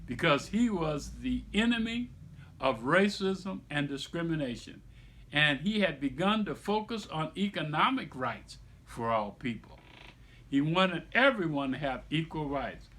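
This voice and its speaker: A middle-aged man, the book's author, gives a storyteller-style reading of his children's book, deliberate and emphatic, with explanatory remarks to listeners. He sounds on the high side, expressive and bright, with a forceful tone.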